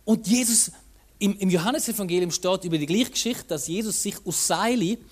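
Preacher, Swiss German accent, lively sermon full of rhetorical questions, mid-pitched voice. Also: a little fast. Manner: animated, with rhetorical questions and asides to the listener.

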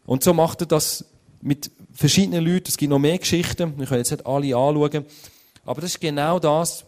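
A man's voice: fairly high pitch, fairly even intonation, fairly quick, a little mellow. A man preaching a sermon in a conversational way, often adding tag questions and acting out quoted speech.

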